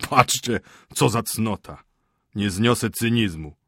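A man's voice: fairly low pitch, lively intonation, measured pace, no room sound, clean studio sound. A man reading an audiobook, voicing a sleepy husband who grumbles and snaps dismissively. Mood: irritated. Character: sleepy grumpy middle-aged husband, a prosecutor's aide. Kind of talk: audiobook character voice.

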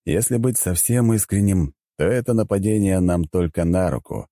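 Male audiobook narrator, low mellow voice, wry measured read. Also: dry recording, studio quality. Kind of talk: scripted narration.

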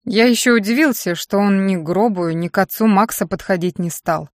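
A woman's voice: medium pitch, fairly quick, no echo, natural voice. A brash, wary young man, as a woman reader puts him on talks in a casual, mumbling drawl. The audiobook reading is plainly delivered. The sound is dry and close, with no room around it. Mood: musing.

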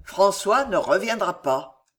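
A man reading aloud and voicing a passionate, desperate young nobleman with intense, forceful declamation. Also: high voice, animated, a little slow. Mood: grave.

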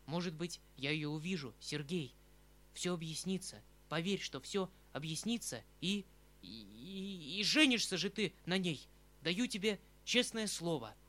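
A man's voice: a little high, lively intonation, measured pace, pushed and bright. A man reading the part of a tender, fretful aging uncle, a retired colonel, who talks in an emotional, rambling, pleading way. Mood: determined. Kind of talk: audiobook reading of a classic novel. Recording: faint background music.

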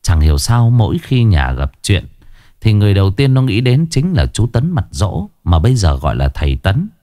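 A man narrating a ghost story in an expressive storytelling voice. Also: on the low side, moderate pace, no echo, clean studio sound.

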